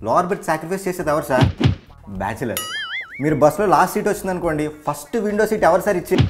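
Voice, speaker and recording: A man's voice: on the high side, very fast, over music. A young man, a bachelor tenant, arguing his case to a house owner in a comedy sketch.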